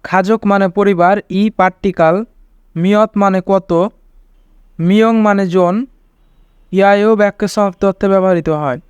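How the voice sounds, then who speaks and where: Slow, high-voiced male language teacher. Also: clear, resonant tone, no echo, dull audio. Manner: repeats each word slowly, then gives its meaning. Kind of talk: slow, scripted vocabulary lesson.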